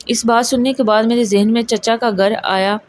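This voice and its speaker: A woman's voice: on the high side, steady tone. A woman reading out a sad, first-person story as narrator, voicing the other people's lines in her own plain voice.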